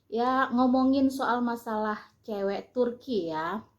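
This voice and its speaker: An Indonesian woman talking casually to her vlog audience. She explains things at an easy pace, pausing often with fillers as she searches for words. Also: on the high side, a little mellow, dull audio. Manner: chatty, explaining, frequent fillers. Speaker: vlogger. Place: lives in Turkey.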